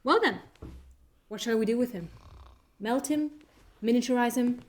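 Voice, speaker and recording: A woman's voice: on the high side, moderate pace, lightly acted. A woman playing the Doctor, a playful, clever alien traveller, in a fan audio drama, talking in a wry, coaxing, conversational way.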